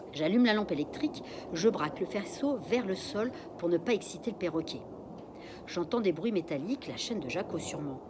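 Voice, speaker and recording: A woman's voice: on the low side, noisy background. A woman reading her own suspense story aloud in the first person, sometimes dropping to a whisper, with a few restarts after slips. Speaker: author reading her book.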